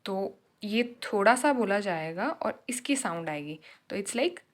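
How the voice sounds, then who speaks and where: Unhurried woman sharing class notes. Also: mid-range voice, lively intonation. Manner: unhurried, switching Hindi and English, self-correcting. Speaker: German learner teaching her class notes. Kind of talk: casual lesson.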